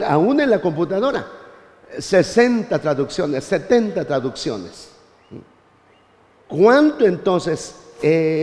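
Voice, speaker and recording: A man teaching a church Bible class, animated, often turning to his listeners as brother. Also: high-pitched, big-room sound.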